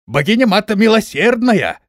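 A man voicing a panicky older male dwarf general, pleading in a high, whiny voice in an audiobook. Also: big pitch swings, moderate pace, creaky, husky, no echo, studio quality, heavily acted.

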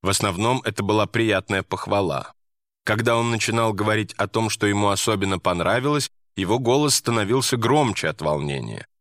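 A male narrator reads a story aloud, steady and measured. His voice sits on the low side, and the recording is dry and close. Nothing else can be heard around him. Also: dry recording. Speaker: audiobook narrator. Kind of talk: scripted narration.

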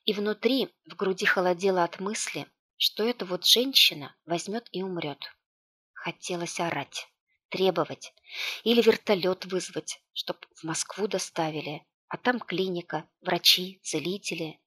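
A woman reading an audiobook aloud, with a hushed, tense delivery and light character voicing. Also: lowish voice, unhurried, breathy edge. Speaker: audiobook narrator.

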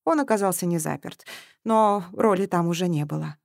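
A woman narrating a detective audiobook in an even, measured reading. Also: fairly low pitch, vocal fry, dry recording, studio quality. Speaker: audiobook reader.

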